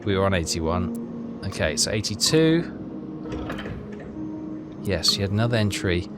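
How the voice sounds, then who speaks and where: This let's player's voice is low-pitched, very animated and unhurried. With game music playing behind him, he reads text aloud and offers casual commentary, hesitating and repeating himself as he thinks.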